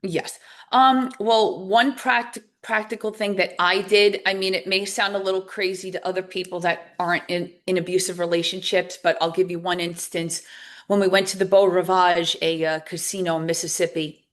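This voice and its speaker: Guest: woman, candid storyteller, slightly low voice, acts out dialogue. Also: level tone, normal speed. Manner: candid, acts out both sides of past conversations. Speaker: guest author and recovery coach. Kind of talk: podcast interview storytelling.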